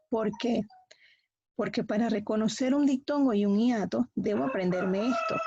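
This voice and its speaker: A woman's voice: fairly high pitch, vocal fry, darkish tone, breathy edge. A woman teacher giving a recorded lesson, explaining step by step and asking and answering her own questions. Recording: dull, lo-fi recording.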